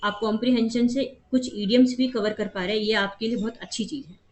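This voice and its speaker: A woman's voice: on the high side, fairly even intonation, a little fast, a little mellow. A female teacher explaining a reading comprehension passage step by step, mixing Hindi and English. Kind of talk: exam-prep lesson.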